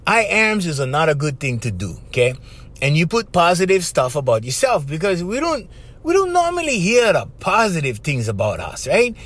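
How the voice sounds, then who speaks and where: Animated Hawaiian Pidgin-accented man, higher-pitched. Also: normal speed. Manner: conversational, often checking in with "right?" and "okay?". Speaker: life coach and vlogger. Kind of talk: informal motivational talk to viewers.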